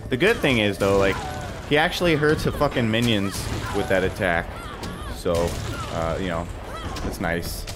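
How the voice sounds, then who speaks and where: A man's voice: fairly low pitch, a little slow, background noise. A man commentating his game playthrough, swearing freely and ranting in exasperation. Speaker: let's play host. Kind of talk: gaming commentary. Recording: game music behind voice.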